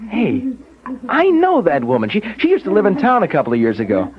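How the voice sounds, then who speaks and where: A man's voice: sits high, wildly swooping pitch, fairly quick, a crowd in the background. An actor playing a jittery, hesitant, stammering small-town policeman in a radio horror drama. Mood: uneasy. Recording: noisy, dull lo-fi radio broadcast.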